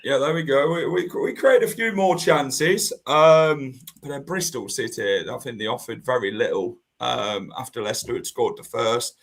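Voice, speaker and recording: A man's voice: medium pitch, normal speed, hardly any pauses. A man hosting a casual football podcast, leading the talk and putting questions to his co-hosts. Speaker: podcast host.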